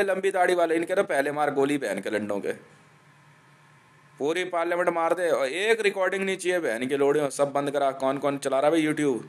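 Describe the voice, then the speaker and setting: A man from India delivering a profane ranting monologue, aggressive and taunting, swearing constantly and laughing between threats. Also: a little high.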